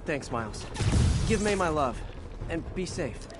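A wry young superhero. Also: male voice, fairly high pitch, big pitch swings, measured pace. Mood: earnest. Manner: wry, talks to himself while working. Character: young adult male superhero, quippy and earnest. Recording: loud game music behind.

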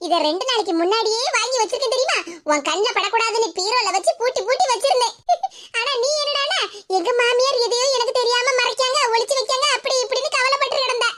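A woman's voice: very high voice, quick pace, heavy background noise. A woman voicing a sweet, fussing older mother-in-law in a cartoon, speaking with a Tirunelveli Tamil accent. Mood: doting. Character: affectionate older mother-in-law, doting and cheerful. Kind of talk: cartoon voice acting.

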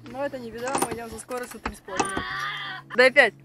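A woman's voice: a little high, expressive, fast talker. Chatty woman vlogging from a sailboat. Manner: chatty, upbeat, with hesitant fillers. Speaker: sailing vlogger. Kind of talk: casual vlog narration. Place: deck of a sailing yacht at sea, outdoors. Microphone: action camera held at arm's length. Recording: loud music under the voice. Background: loud music.

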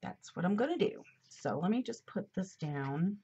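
With big pitch swings and a warm, slightly rough mid-range voice, a middle-aged woman talks at a moderate pace while decorating a planner at her indoor desk. She's a little congested and rambles chattily with fillers and asides. The overhead camera recording sounds lo-fi.

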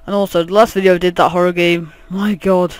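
A man's voice: high-pitched, little pitch movement, fairly quick, smooth, no echo. A man giving rambling, jokey let's play commentary, swearing often. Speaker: gaming channel host.

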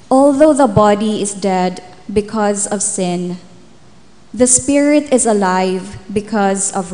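A woman's voice: medium pitch, dark tone. A woman in her thirties reading scripture solemnly as lector at a lectern microphone in a chapel. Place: chapel, indoors. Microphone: gooseneck lectern microphone. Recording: long chapel reverb.

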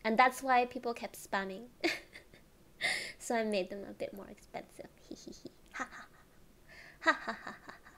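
A woman streamer chatting casually, giggling often and drifting into soft whispers. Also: fairly high pitch, measured pace, pauses often.

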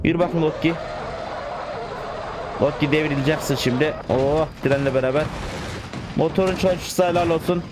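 A man with a slightly higher-pitched voice chats his way through a driving game. He jokes, talks to the game and calls out to his viewers in loose, casual commentary. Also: normal speed, pauses often, background noise. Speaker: gaming streamer.

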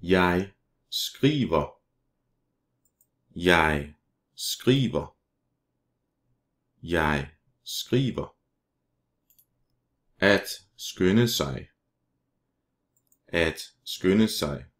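Deep-voiced man drilling vocabulary slowly. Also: expressive, fairly bright tone. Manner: says each word slowly and repeats it. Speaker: language teacher. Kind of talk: slow vocabulary drill reading.

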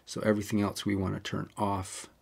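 A low, brisk male voice, creaky, husky and darkish, delivered completely flat. He hosts an easygoing camera walkthrough, chatty and prone to digressions as he explains each setting in turn.

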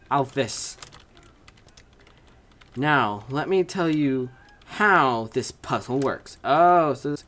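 A teen gaming creator with a slightly high voice gives excited commentary on his own play at home via desk mic and webcam. Every win or death gets a loud yelp, shout or squeal, he reads signs aloud along the way, and his voice is going hoarse.

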